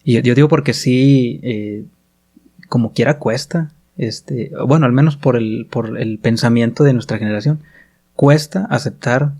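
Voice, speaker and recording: A man's voice: mid-range voice, a little slow, a little mellow. A man hosting a podcast, talking in a casual, hesitant way with frequent fillers. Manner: hesitant, many fillers and restarts, agreeable. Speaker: podcast host. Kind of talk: casual conversation.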